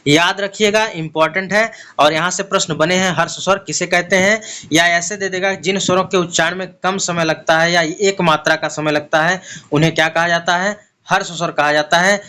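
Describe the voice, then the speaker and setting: Male tutor, exam-prep lesson: slowly spells out letters one at a time and poses his own questions, in a high, sharp tone. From India. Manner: explains step by step, asks and answers his own questions. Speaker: teacher.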